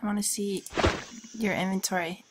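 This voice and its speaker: Female let's play host, mid-pitched and scratchy from a sore throat, casual thinking-aloud commentary, noticeable background noise. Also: flat delivery, normal speed. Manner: chatty, thinks aloud while playing. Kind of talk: casual video game commentary.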